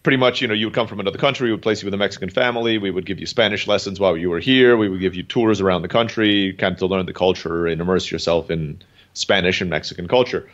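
A Turkish-raised man in his thirties speaks in a low, quick, slightly bright voice, chatting casually as a guest entrepreneur in an interview. He tells his story with plenty of "um" and "you know" from his home in Mexico. The call audio is dull and lo-fi.

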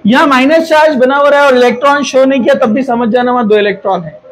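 High-voiced man teaching a class. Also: steady tone, quick pace, low-quality recording. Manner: quizzing the class, scolding and joking. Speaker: chemistry teacher. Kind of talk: classroom lecture.

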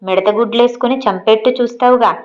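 A woman's voice: on the high side, fairly even intonation, fairly quick, muffled recording, lightly acted. A woman voicing a hot-tempered but loving young man in an audio storybook, speaking insistently. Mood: teasing insistent.

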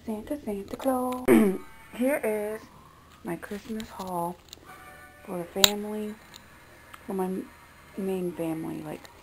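A woman's voice: mid-range voice, slow pace, gravelly, pauses often, loud music behind the voice, low-quality recording. A woman vlogger talking loosely and chattily as she shows off her gifts, recorded on a phone. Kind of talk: casual haul vlog.

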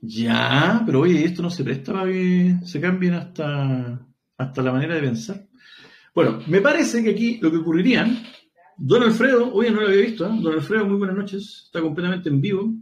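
Male streamer, chatty chess commentator, slightly high voice, thinks aloud and jokes. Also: lively intonation, a little fast. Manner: chatty, joking, thinks aloud with short laughs. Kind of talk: live chess game analysis.

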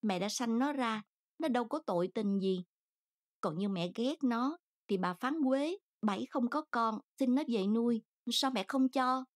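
A woman's voice: a little high, unhurried, natural voice. A woman reading an audiobook, voicing a young daughter who pleads earnestly.

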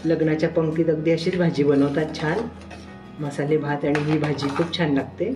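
A woman host giving calm, homely step-by-step cooking narration. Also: sits low, normal speed, reverberant, music in the background. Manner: calm, homely, repeats 'chhan' and 'mast'.

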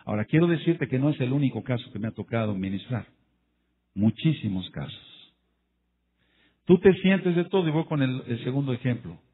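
A man preaching a sermon, emphatic and addressing his listeners directly, breaking into loud bursts of emphasis. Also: mid-range voice, very animated, moderate pace, long pauses, slight background noise. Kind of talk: sermon with acted quotes. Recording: tinny phone-like lo-fi audio.

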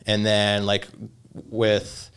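A man's voice: on the low side, monotone, very slow, a bit bright, clean tone. A man in his twenties from Lithuania, a podcast guest telling a story in casual, rambling talk full of fillers. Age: 20s. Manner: rambling, hesitant, many fillers.

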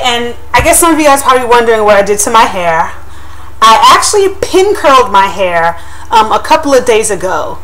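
A young woman vlogs a casual review of a pie crust shield from her home kitchen, talking upbeat to the webcam whose built-in mic sits close to the camera. Her voice is a little high and a bit bright, and the low-quality recording has a little hiss or hum.

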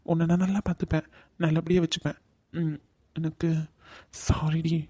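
A woman's voice: mid-range voice, animated, brisk, mellow, slightly rough. A woman voicing an affectionate young husband in a cartoon drama, coaxing and apologetic. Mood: pleading.

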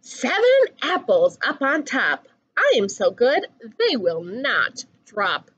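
High-pitched, animated young woman reading aloud. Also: takes it slowly, husky, dull audio. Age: young adult. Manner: animated, singsong rhyming delivery. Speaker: children's story reader. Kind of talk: expressive picture book read-aloud.

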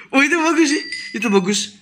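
A young man from Indonesia giving casual, excitable gameplay commentary for his channel, chatty and quick to exclaim. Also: extremely high pitch, a little hiss or hum. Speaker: gaming YouTuber. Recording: game music loud behind voice. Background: game music and sound effects.

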